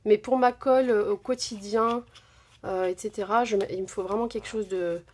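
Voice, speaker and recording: A woman's voice: medium pitch, steady tone, normal speed. A woman, casually showing her craft purchases in a haul vlog, chatty, with many fillers and self-corrections. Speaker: crafting channel host. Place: home craft desk.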